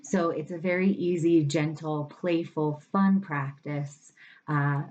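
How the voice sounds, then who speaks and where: A woman's voice: low-pitched, fairly even intonation, slow pace, a little mellow, highs cut off, slight background noise. A woman facilitator talking casually and playfully, laughing often between her stories. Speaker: healing workshop facilitator. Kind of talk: casual talk to camera.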